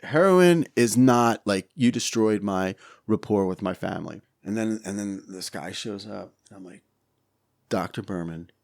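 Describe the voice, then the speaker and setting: Animated low-voiced man telling stories. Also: moderate pace, creaky, hardly any pauses. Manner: animated storyteller, acts out quotes, frequent swearing. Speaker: podcast guest. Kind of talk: casual storytelling interview.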